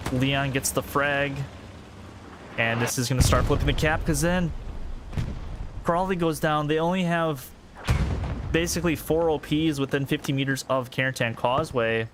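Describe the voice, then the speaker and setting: A man casting a competitive video game match play-by-play, tired and a little out of breath, talking quickly and getting excited at big plays. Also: mid-range voice, background noise. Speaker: esports caster. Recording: game gunfire and artillery behind.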